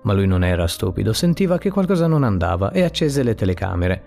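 A man narrating a dramatic story podcast in a steady, plain reading voice. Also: lowish voice, fast, vocal fry. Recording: faint background music. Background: soft music.

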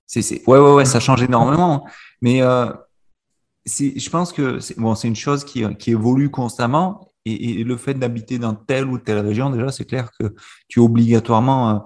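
A man's voice: mid-range voice, fairly even intonation, moderate pace, darkish tone. A man hosting a casual conversation who stammers and repeats words as he asks questions.

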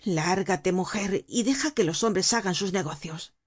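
A woman's voice: mid-range voice, a little slow, lightly acted. A woman voicing a curt, scheming bandit chief. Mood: gruff. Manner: curt, dismissive. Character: gruff scheming male bandit leader.

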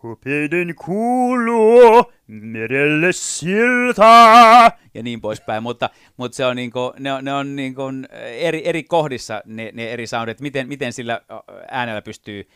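A man who does voice impressions talks casually about his craft, often pausing and restarting as he looks for words. His voice is smooth and clear. It sounds close and dry, with no room echo. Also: mid-range voice. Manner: hesitant, many fillers and restarts, slips into impressions. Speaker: voice impressionist guest. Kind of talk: casual interview chat.

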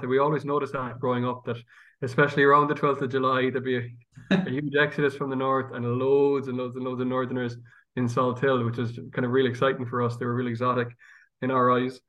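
A man's voice: mid-range voice, flat delivery, quick pace, a bit bright. A man with a west of Ireland accent talking conversationally and thoughtfully as a priest being interviewed. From County Galway, west of Ireland. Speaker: priest and guest.

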